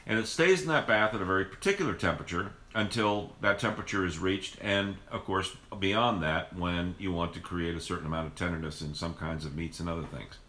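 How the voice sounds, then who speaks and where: A man's voice: low voice, a little fast, few pauses, sharp tone, reverberant, a little hiss or hum. A man hosting a home cooking video, explaining the method casually and rambling with frequent restarts in his kitchen.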